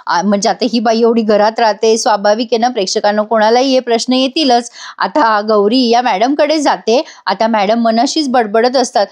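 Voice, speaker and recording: Higher-voiced woman recapping a show. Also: normal speed. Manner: lively storytelling, addresses viewers. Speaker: TV show reviewer. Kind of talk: voice-over episode recap.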